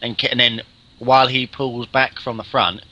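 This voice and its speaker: Bright-voiced esports caster. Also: male voice, medium pitch, moderate pace, lo-fi sound. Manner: excitable, rises sharply at big plays. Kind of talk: live game commentary.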